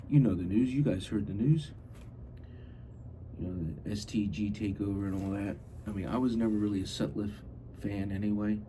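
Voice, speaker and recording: Low, mellow man rambling casually. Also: slight background noise, low-quality recording. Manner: blunt, grumbling, mild swearing. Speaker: hobby vlogger.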